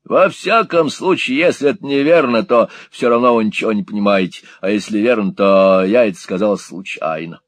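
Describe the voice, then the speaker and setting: A man voicing a coarse male schoolmaster who shouts slowly and loudly at a deaf old woman. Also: lowish voice, dry recording, natural voice. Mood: bellowing. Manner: loud, slow and overemphatic.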